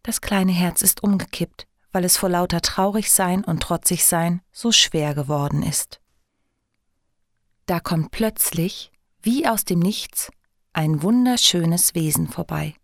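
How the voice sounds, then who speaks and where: A woman narrating a children's story in a calm, gentle, unhurried way. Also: on the low side, dry recording, studio quality.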